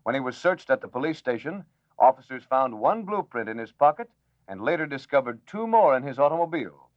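A man reading a formal radio news bulletin in a measured announcer manner, heard as an old newsreel-style broadcast. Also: medium pitch, very animated, dry recording. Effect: old newsreel-style broadcast sound. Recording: dull lo-fi old radio recording, dry.

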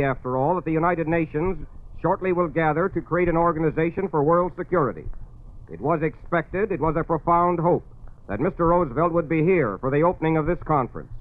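Male commentator from an old 1940s radio broadcast, slightly high voice, narrow tinny sound, solemn and measured. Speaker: news commentator.

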